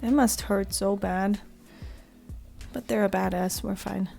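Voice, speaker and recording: Hoarse, raspy woman with a cold, gravelly, chatting quietly over a drawing, faint music behind. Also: medium pitch, a little slow. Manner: quiet, monotone, drifting into soft murmurs. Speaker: art vlogger. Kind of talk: casual talk while drawing.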